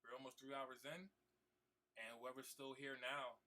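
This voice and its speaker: Male game streamer, bright tone; heartfelt, repetitive, slangy address to viewers. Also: mid-range voice, level tone, moderate pace. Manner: emotional, repetitive, trying not to cry; casual slang, swearing.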